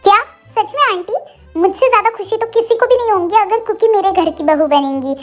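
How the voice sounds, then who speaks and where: A woman's voice: very high-pitched, fairly quick, soft background music. A woman voicing a dramatic, bossy middle-aged mother and grandmother in a Hindi fan audio story, scolding and theatrical. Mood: warm.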